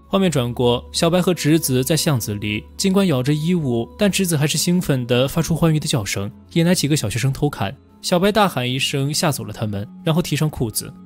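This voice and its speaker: A male narrator recounts a film in even, scripted storytelling. His voice is slightly higher than the typical man's, and soft music plays faintly underneath.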